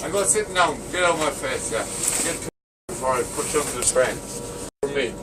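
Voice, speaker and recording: A man's voice: medium pitch, expressive, brisk. A drunk, unruly male train passenger in a belligerent, rambling, sweary public rant, recorded inside a train carriage. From Ireland. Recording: noisy train carriage, distant phone mic.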